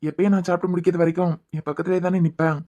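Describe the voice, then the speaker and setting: A woman's voice: lowish voice, level tone, rapid-fire, dull audio, natural voice. A woman voicing a worried young husband in a cartoon who keeps pressing his wife to see a doctor. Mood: gentle. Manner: pressing, gently coaxing. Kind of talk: cartoon voice acting.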